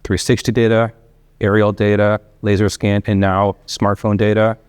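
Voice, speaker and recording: Man, lowish pitch, polished corporate enthusiasm, keynote product pitch, conversational punchy phrasing, very dry sound. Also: little pitch movement, normal speed, a little mellow, clean tone, no echo. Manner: conversational, with short punchy phrases and rhetorical questions. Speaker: company chief executive giving a keynote.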